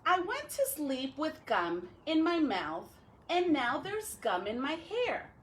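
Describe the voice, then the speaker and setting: School lady reading to little kids, slow n expressive, kinda high voice, some noise in the background. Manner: expressive, drawn-out phrasing for children. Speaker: school educator reading aloud to pupils. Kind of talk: read-aloud for children with chatty intro.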